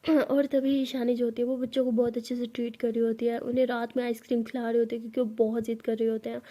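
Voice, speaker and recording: A woman's voice: fairly high pitch, level tone, fast, mellow. A woman telling a love story in a chatty, casual way, with asides to the listener.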